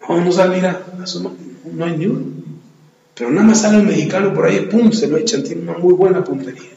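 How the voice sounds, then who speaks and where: A preacher doing a worried soldier in a trench. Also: male voice, sits high, quick pace, vocal fry, dark tone, heavy reverb, muffled recording, voice pushed down.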